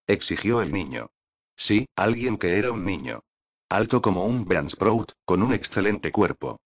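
A man reading a light novel aloud as audiobook narration, in a slow, measured delivery. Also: low-pitched, expressive, breathy edge, no echo.

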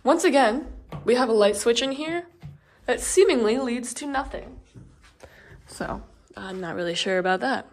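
A woman's voice: a little high, expressive, moderate pace. A young woman chatting casually as she walks through an empty house, filming a tour vlog with frequent ums and likes. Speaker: vlogger.

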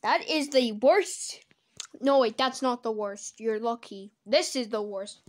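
A woman reacting to videos in casual commentary, blunt and crude with plenty of swearing. Her voice sits fairly high and she talks slowly, with occasional sudden loud outbursts, close to a desk mic.

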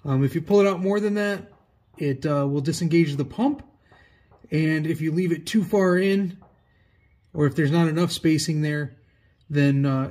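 In his garage workshop, a man films himself working on a car, explaining the hands-on mechanical build to viewers in an informal, matter-of-fact way. His voice is on the high side and a little mellow, picked up by a camera placed near the engine rather than close to him.

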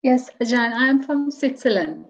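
A woman's voice: a little high, animated, moderate pace. A young woman from Sri Lanka politely asking a meditation question on a video call. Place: room at home. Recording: dull lo-fi call audio.

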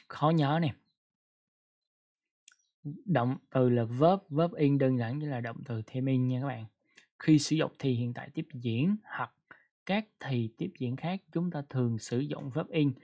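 Guy teaching english grammar, patient, lots of ums and checking in w the class, mid pitch. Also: a little mellow. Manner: explains patiently, with fillers and prompts to the class. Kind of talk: casual classroom lesson.

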